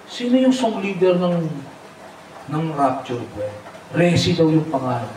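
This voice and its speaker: A man preaching as a pastor, animated and humorous, mixing English phrases and often calling out amen. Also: on the high side, measured pace, far from the mic, a little hiss or hum. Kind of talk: Tagalog sermon with humor. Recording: echoey hall, mic from afar.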